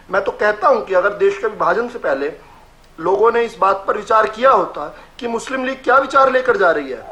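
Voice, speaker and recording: A man's voice: high-pitched, bright, forceful tone. A man arguing as a party spokesperson in a heated TV debate, combative and talking over his opponents. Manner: combative, raises voice and talks over others.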